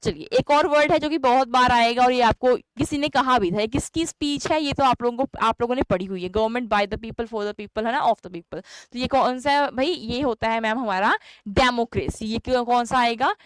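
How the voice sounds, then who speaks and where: Young Indian woman, English teacher, exam prep lesson, asks and answers her own questions, slightly high voice. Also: moderate pace, few pauses, clear, resonant tone, no echo.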